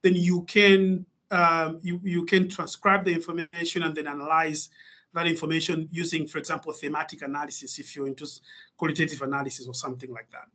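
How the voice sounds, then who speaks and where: A man from Malawi, slightly high-voiced, giving a webinar presentation over a video call. He talks in a hesitant, restarting way, full of "um" and "uh" as he explains. His tone stays informative and steady. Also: a little fast. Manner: hesitant, many fillers and restarts. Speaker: guest speaker.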